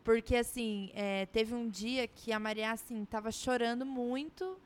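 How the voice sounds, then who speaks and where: A woman's voice: a little high, a little slow. A woman hosting a casual podcast, a mother speaking earnestly and giving advice. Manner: earnest, reflective, gives advice.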